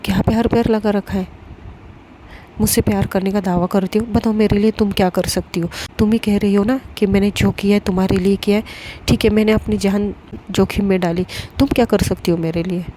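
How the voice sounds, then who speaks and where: Brief: woman reader as Sam, brusque defensive young woman, fairly flat delivery, noisy recording with clicks. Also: medium pitch, close to an everyday voice. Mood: angry. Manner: curt, dismissive, quick to anger.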